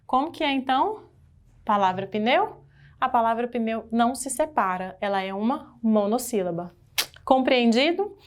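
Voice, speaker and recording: A woman's voice: on the high side, lively intonation, normal speed. A woman with a Brazilian Portuguese accent teaching an exam-prep grammar lesson, asking the class questions and stressing key words.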